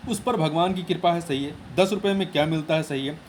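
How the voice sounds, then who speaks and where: High-voiced man walking through exam answers. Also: fairly quick, a little hiss or hum. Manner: explains step by step, repeats key words, plain teaching tone. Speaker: exam tutor. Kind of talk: exam answer explanation lesson.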